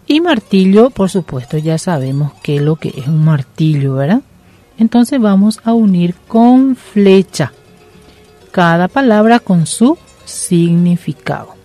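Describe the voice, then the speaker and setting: Woman, teacher, patient, coaxing, warm low voice, faint background music. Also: very animated, measured pace. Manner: patient, coaxing, repeats "¿sí?" and "entonces". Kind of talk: slow classroom lesson with a read-aloud story.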